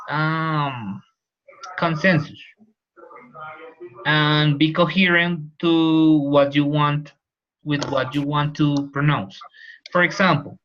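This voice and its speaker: A male teacher with a Colombian accent explains points in an online class, repeating the key terms. His voice is a little high and fairly bright. The muffled video call audio carries a little hiss or hum.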